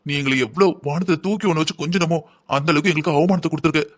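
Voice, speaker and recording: A man's voice: on the high side, fairly even intonation, rapid-fire, close to an everyday voice. A man voicing a stern, disappointed middle-aged father in a family cartoon, lecturing his daughter bitterly. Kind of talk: Tamil cartoon voice acting.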